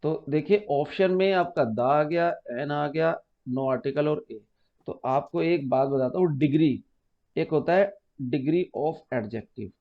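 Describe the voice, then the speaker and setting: A man with a slightly high voice and a slow pace teaches an exam-prep grammar lesson. He explains patiently step by step, repeats key terms, and calls his students "beta." The recording is muffled and lo-fi.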